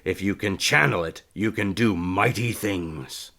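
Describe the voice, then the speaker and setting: A man reading a storybook as a gruff, scarred older male trainer with a gravelly, blunt voice. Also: low-pitched, measured pace, fairly bright tone, full character voice. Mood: lecturing. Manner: blunt, taunting.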